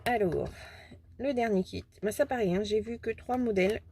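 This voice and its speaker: A woman chatting casually as a craft vlogger, rambling and excitable, often restarting her sentences and giggling at herself. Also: on the high side, normal speed, a little hiss or hum. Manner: excitable and self-deprecating. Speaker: craft vlogger showing a shopping haul. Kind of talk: casual chat.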